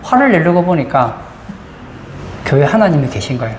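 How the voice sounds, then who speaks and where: A woman's voice: low-pitched, big pitch swings, normal speed, darkish tone. A woman pastor preaching a sermon, asking the congregation frequent rhetorical questions. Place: church sanctuary. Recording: roomy church acoustics, faint background noise.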